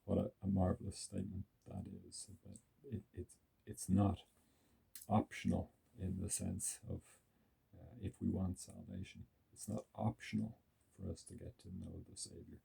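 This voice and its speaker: A man with a very low, heavily gravelly voice gives reflective religious commentary. His tone is dark and mellow, and the sound is husky and rough. He talks earnestly and piles up words for emphasis. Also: level tone, normal speed, poor audio.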